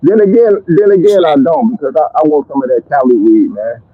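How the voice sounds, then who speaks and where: A man's voice: on the high side, fairly quick, slightly rough, no room sound. A man calling into a casual podcast from home over Bluetooth earbuds, his voice warbling and cutting out as the internet drops. He talks loose and slangy and swears freely. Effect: warbly, dropping internet call audio. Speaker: remote call-in panelist. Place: remote home setup in Texas. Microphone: Bluetooth earbuds on a call. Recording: tinny phone-like call line.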